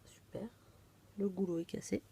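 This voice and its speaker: A woman's voice: medium pitch, level tone, normal speed, gravelly, warm tone, slight background noise. A woman casually narrating a scrapbooking tutorial, chatty and self-deprecating, often dropping to a murmur as she works. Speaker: scrapbooking demonstrator.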